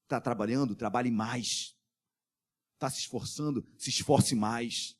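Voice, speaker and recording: A Brazilian Portuguese-speaking man preaching a sermon, swinging between loud calls to the church and soft, low asides, and calling for amens. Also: a little slow. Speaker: pastor.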